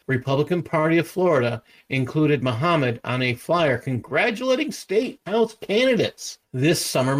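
A man co-hosting, reading a news item aloud in a steady, scripted manner. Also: medium pitch.

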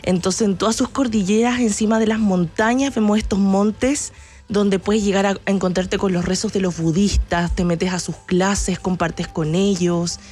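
A woman's voice: medium pitch, fairly even intonation, moderate pace, darkish tone, breathy edge, soft background music. A Chilean woman, a guest on a radio show, talking with enthusiasm about travel and laughing easily. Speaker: travel agency press chief, guest.

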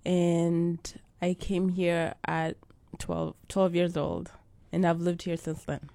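Slow, gravelly-voiced woman from Uganda. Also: lowish voice, flat delivery, dry recording. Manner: soft-spoken, with hesitant fillers. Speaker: guest, nurse and agency CEO. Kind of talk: casual interview answers.

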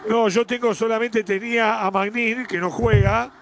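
An Argentine man hosting a live radio sports show, briskly cueing reporters and ads. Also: high-pitched, fairly even intonation, a bit bright, slight background noise.

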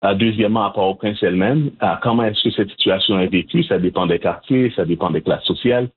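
Heard through husky phone-line audio, this man, a guest and Haitian community organizer from Montreal, Canada, gives interview answers. His slightly husky voice sits on the low side, and he speaks in a measured, hesitant way, often restarting.

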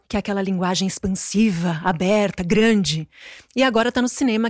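A woman's voice: medium pitch, no room sound. Woman tv interviewer, upbeat questions, dry close sound. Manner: friendly, enthusiastic questions.

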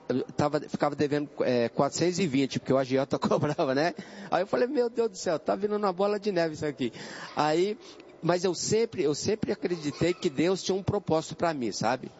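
An older man in his sixties tells his story of faith in a halting, repetitive way, often stopping to restart a word. His voice comes through a dull, lo-fi radio recording. A faint hiss sits behind him. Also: on the high side, darkish tone. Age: 60s. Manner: hesitant, repeats words, addresses listener as brother. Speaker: church testimony guest. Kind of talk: personal religious testimony.

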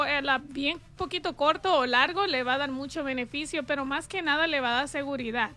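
Woman, Caribbean Spanish accent, high-pitched, bright voice, earnest emphatic advisory talk. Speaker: real estate agent co-hosting a show. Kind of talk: spontaneous advisory talk to listeners.

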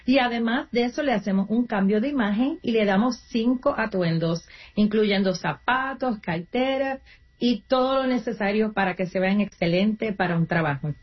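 A woman with a mid-range voice speaks at normal speed in a muffled recording. A nonprofit career coach appearing as an interview guest, she gives advice to job seekers, explaining earnestly and sometimes restarting her words.

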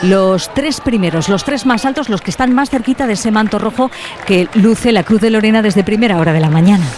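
A woman, a lively and chatty radio field reporter interviewing people at an outdoor event in a city square. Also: medium pitch, brisk, slight background noise. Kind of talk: live street interview.

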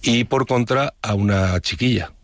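A man from Madrid, a novelist guest, talking thoughtfully in an interview and often pausing to restart his phrases. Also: medium pitch, no echo, studio quality. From Madrid, Spain. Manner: thoughtful, with frequent restarts and hesitations. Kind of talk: reflective interview talk.

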